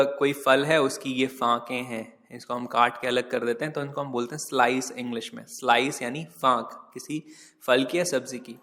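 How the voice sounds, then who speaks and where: A man's voice: a little high, a bit bright, big-room sound. A man teaching English vocabulary in Hindi, repeating and spelling words and often adding "ठीक". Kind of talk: casual Hindi vocabulary lesson.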